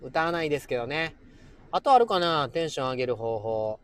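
A man's voice: on the high side, expressive, brisk, a bit bright, clear, resonant tone. A man hosting a casual solo livestream, chatting playfully with listeners and laughing often. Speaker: livestream host.

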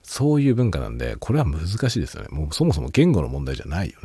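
A man's voice: rumbling low, huge pitch swings, rapid-fire, dark tone, slightly rough, no echo. A man hosting a casual solo talk show, rambling and laughing a lot while tipsy. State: drunk. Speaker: podcast host.

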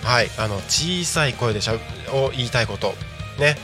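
A man in his thirties hosting a live community radio show from a small studio, with an upbeat announcer delivery that slips into relaxed, chatty asides. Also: medium pitch, normal speed, music in the background. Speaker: radio host.

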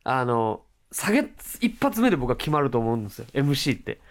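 A young man with a Kansai accent co-hosting a comedy radio chat, telling animated stories full of acted-out quotes and laughter. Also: mid-range voice, fairly quick. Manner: animated storytelling, acts out others' lines, laughs often. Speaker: comedian co-host.

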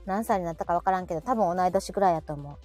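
A woman's voice: on the low side, rapid-fire, dark tone, faint music behind. A woman with a Kansai Japanese accent in casual banter as a talk show co-host, rambling and self-deprecating.

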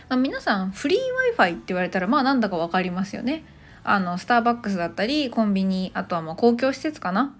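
Lively-voiced woman teaching English casually. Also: mid-range voice. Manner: chatty, explains slowly with many fillers. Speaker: English teacher and podcast host. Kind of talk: casual spoken English lesson.

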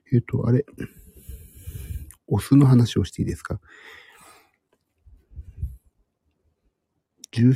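A middle-aged man speaking in a hushed, husky half-whisper, chatting casually and haltingly to live stream viewers. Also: low-pitched, no echo. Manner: rambling, hesitant, searching for words. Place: at home in a room beside a sleeping child.

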